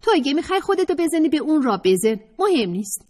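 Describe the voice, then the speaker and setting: Woman doing a high squeaky sarcastic girl, teasing, dodging everything, audiobook voice. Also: very animated, darkish tone. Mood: dismissive. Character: mocking, evasive young woman classmate. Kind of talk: audiobook character voice.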